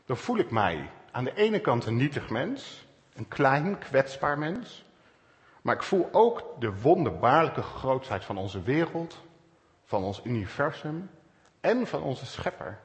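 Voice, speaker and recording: A man preaching a calm, searching sermon, with pauses and stresses. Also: medium pitch, long reverb tail. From Netherlands. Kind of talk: reflective sermon.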